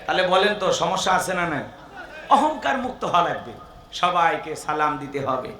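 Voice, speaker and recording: High bright-voiced comic preacher man. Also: animated, moderate pace, reverberant. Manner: jokey, quizzes the crowd, bursts into shouts and chanting. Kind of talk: comic Bengali waz sermon to a crowd.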